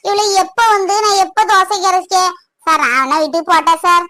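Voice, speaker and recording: A woman's voice: extremely high pitch, quick pace, sharp tone. A woman voicing a fed-up village woman in a cartoon, complaining and scolding. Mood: annoyed. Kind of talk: cartoon voice acting.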